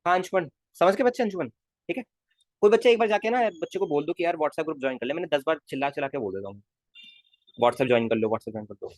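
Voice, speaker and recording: A man's voice: a little high, animated, rapid-fire, darkish tone, dry recording, clean studio sound. A male physics teacher in a casual live class, coaxing his students with constant questions and calling them kids. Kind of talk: live online class lecture.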